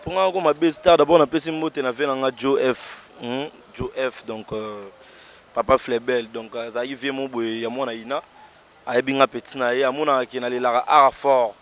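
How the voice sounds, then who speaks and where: In an easygoing interview, a man who does stage comedy and acting shares his story in animated spurts, sometimes going quiet for an aside, sometimes exclaiming loudly. He has a mid-range voice and speaks at normal speed.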